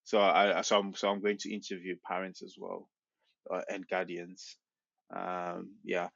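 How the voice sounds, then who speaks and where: A man's voice: sits low, monotone, a little slow, creaky, a bit bright, no room sound. A young man, a researcher being interviewed on a podcast, explaining his work in a hesitant way with many restarts. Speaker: PhD researcher guest. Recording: dull, dry sound.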